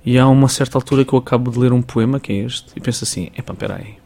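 A young man with a European Portuguese accent, a musician guest chatting casually in a radio interview, animated and full of verbal tics. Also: medium pitch, very fast. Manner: chatty, animated, repeats "estás a perceber".

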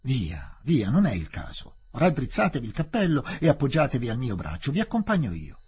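Male narrator doing a firm calm englishman, reassuring, lively pitch. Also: fairly quick, slight background noise. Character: calm, decisive Englishman taking charge.

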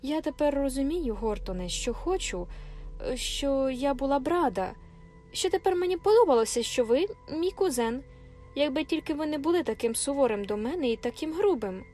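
A proud young woman on the edge of tears, pleading and insisting in a high, urgent voice, as a woman reader puts her on. She pushes her words out with feeling. Faint music plays behind the audiobook reading. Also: expressive, moderate pace, mellow. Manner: insistent and emotional, near tears. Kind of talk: audiobook character voice.

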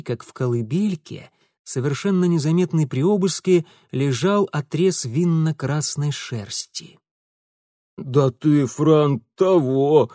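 A man giving an expressive, dramatic audiobook narration. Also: medium pitch, dry recording, studio quality. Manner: dramatic, lively storytelling.

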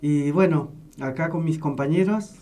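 A man's voice: fairly high pitch, moderate pace, slight background noise. A man with an Argentine accent hosting an afternoon radio show, chatting casually with co-hosts and reading out phone numbers. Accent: Argentine Spanish. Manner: relaxed, chatty, some restarts. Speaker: radio host. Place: radio studio.

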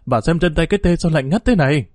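A distraught village mother , played by a man, speaks in a raised, strained pitch. She pleads, and the dry, close recording keeps every word near. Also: expressive, very fast, a little mellow, no echo. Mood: anxious. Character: frantic grieving village mother.

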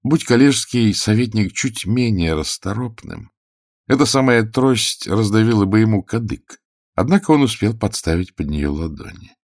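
Deep voiced guy reading an audiobook, steady, dry close recording. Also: no room sound. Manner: even, measured storytelling. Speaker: audiobook narrator. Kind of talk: scripted audiobook narration.

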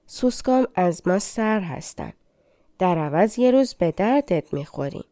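A woman's voice: fairly low pitch, lively intonation, mellow, no room sound, clean studio sound. A woman voicing the king of the ants in a storybook tale, speaking with earnest pleading.

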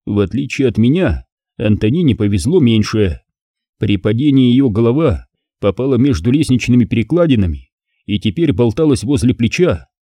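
A man narrating an audiobook in the first person with an expressive reading. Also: mid-range voice, moderate pace, dry recording, studio quality.

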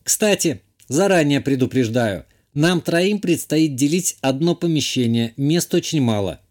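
A man's voice: fairly high pitch, lively intonation, a little slow, a little mellow. A man voicing a dry, matter-of-fact young baroness in an audiobook. He gives her a wry manner.

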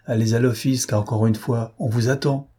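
A man voicing a gentle young woman servant who speaks softly and with gentle reproach in an audiobook. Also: medium pitch, steady tone, moderate pace, breathy edge, close to an everyday voice. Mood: tender, rueful. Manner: soft, pleading and gently reproachful. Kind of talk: audiobook character voice.

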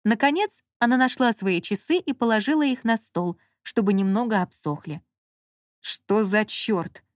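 Женщина ровно и размеренно читает аудиокнигу. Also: female voice, a little high, lively intonation, moderate pace, no room sound, studio quality. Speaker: narrator. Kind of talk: audiobook narration.

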